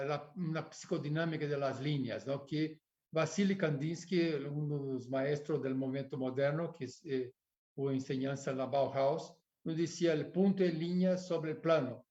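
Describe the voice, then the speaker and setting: A native Portuguese speaker with a Portuguese accent delivers an academic lecture on architecture, pausing to search for words and frequently adding tag questions. His voice is a little high and a little mellow, captured in a dull lo-fi recording.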